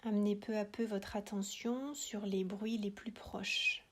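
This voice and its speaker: Slow, hushed woman guiding relaxation. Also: medium pitch, steady tone. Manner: soothing, hushed, with breathy whispered phrase endings; measured instructions in short phrases with long pauses. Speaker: yoga nidra relaxation guide. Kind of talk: guided relaxation meditation.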